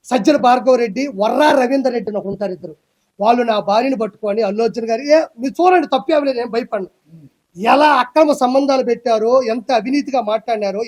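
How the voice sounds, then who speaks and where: A man, ranting loudly and emphatically as a guest in a heated political interview. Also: very high-pitched. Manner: loud, emphatic, repetitive ranting.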